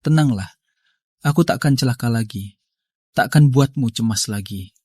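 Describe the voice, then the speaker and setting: A man's voice: medium pitch, normal speed, no echo, lightly acted. A man voicing a devoted young husband, tender and reassuring in a dubbed drama. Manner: tender, reassuring, gently teasing.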